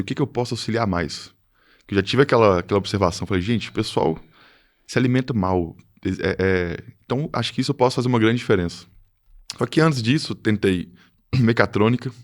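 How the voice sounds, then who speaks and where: A man, a podcast guest telling his story in casual chat, hesitant with many fillers and restarts. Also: lowish voice. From Minas Gerais, Brazil.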